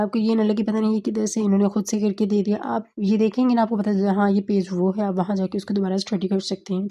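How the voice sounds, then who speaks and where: A woman tutor patiently explaining a tajweed lesson, often checking in with "okay", slowing down to recite verses. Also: medium pitch, warm tone. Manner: patient, repeats "theek hai" often; slows down to recite Quranic verses.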